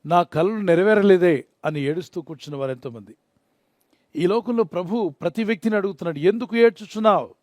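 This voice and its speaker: Earnest high-voiced preacher, dry sound. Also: male voice, darkish tone, no room sound. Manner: earnest, repeating key phrases, mixing in English. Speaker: pastor. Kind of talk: Easter sermon with prayer.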